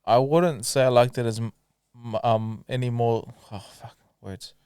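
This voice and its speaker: A man's voice: mid-range voice, fairly even intonation, unhurried, dark tone, clear, resonant tone, no room sound, studio quality. A man co-hosting a casual podcast chat, hesitant and searching for words. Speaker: podcast co-host.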